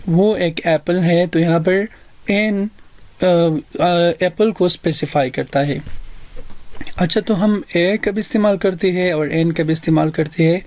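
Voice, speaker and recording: Patient high-voiced male teacher. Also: darkish tone, no room sound. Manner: slow and patient, many hesitation fillers. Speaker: English teacher. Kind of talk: explaining English grammar lesson.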